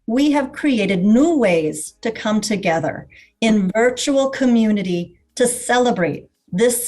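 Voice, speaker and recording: A woman on a school's staff giving a prepared welcoming speech in an earnest, measured way. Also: on the high side, darkish tone. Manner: earnest, measured, listing values one by one.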